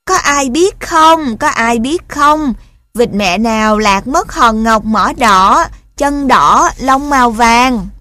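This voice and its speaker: Kind bird, high and loud calls; woman reader. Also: a little slow, no echo. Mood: calling out. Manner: loud calling out. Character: kind bird calling out loudly while flying.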